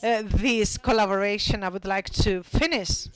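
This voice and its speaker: At a conference, a panel speaker presents study findings slowly and haltingly, restarting often. The voice is medium-pitched, clear and resonant.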